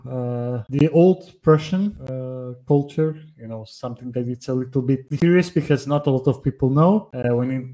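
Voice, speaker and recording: A man from Portugal, a podcast guest, talking casually and hesitantly with many pauses and fillers. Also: mid-range voice, dark tone. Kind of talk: casual conversational explanation. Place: home setup on a call, northern Poland.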